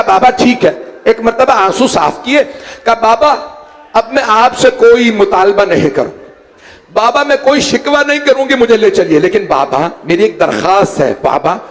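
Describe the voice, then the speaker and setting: A man, a religious scholar preaching a mourning sermon in an impassioned style. He acts out the pleas of the people in his story and climbs into shouted lament. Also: high voice, animated, normal speed. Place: mourning hall with a gathered audience.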